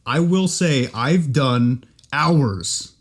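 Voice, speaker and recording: A man's voice: medium pitch, drawn-out words. A young man from California co-hosting a podcast in casual, joking chat, rambling and poking fun at himself. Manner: joking, rambling, self-deprecating. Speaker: podcast co-host.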